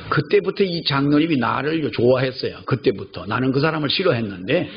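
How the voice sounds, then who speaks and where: A man's voice: mid-range voice, expressive, a little fast. An older man pastor preaching a sermon in a church, telling stories and repeating key phrases for emphasis. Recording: slightly dull recording, faint background noise.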